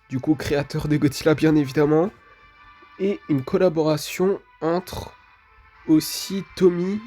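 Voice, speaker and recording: A man's voice: on the high side, dark tone. A man, casually commenting on a mobile game while opening rewards, hesitant and full of fillers. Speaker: gaming video creator.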